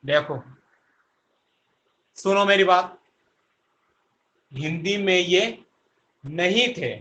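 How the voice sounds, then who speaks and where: Male teacher, high bright voice, slow delivery, drills the class with repeated questions. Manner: answers his own questions. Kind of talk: online class lesson.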